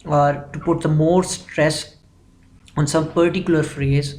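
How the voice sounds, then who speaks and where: Guy explaining grammar step by step, bit higher voice, faint hum behind. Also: fairly even intonation, slow pace, a little mellow, rough recording. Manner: methodical, repeats phrases while explaining. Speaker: English grammar teacher.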